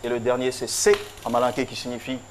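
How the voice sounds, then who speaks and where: Heavy background noise surrounds this man as he rattles off a TV tribute in a flat, mid-range voice. Despite his quick pace, the delivery is solemn and rhythmic, with key phrases repeated for emphasis.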